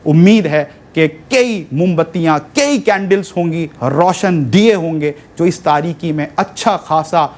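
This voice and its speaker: Male telethon host, earnest appeal, voice pitched a bit high. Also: unhurried, few pauses, a little mellow. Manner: earnest, religious phrases, mixes in English. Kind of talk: charity appeal.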